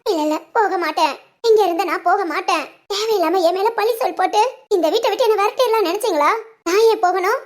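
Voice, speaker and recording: Woman voicing a young wife who's been wronged, pleading, very high squeaky voice. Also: fast talker. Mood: hurt. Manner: pleading, wounded. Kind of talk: cartoon voice acting.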